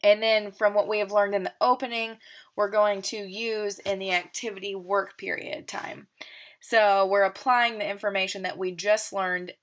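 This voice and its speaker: A woman teacher explaining a literacy lesson plan step by step, steady and methodical, with occasional fillers. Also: mid-range voice, normal speed.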